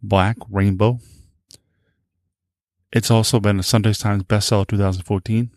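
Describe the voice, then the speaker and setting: With a fairly low, slightly mellow voice and a flat delivery at moderate pace, this male podcast host handles introductions and interviews in a relaxed, rambling style, frequently rewording what he says. The recording is dry and studio quality.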